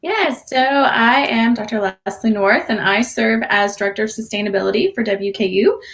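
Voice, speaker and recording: A woman, a university sustainability director, introducing herself in a clear, friendly, professional way. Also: a little high, normal speed, a bit bright. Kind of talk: self-introduction.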